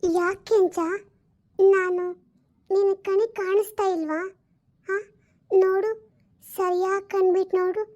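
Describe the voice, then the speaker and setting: A woman voicing the gentle, sorrowful ghost of a dead wife who speaks unseen, pleading slowly and tenderly. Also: very high voice, fairly even intonation. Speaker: spirit speaking unseen to her husband.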